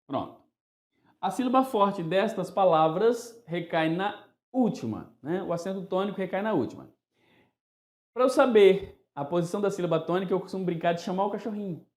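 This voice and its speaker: A male teacher giving a grammar lesson, animated and playful, sometimes calling words out in a singsong voice to show the stressed syllable. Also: sits high, moderate pace, echoey room.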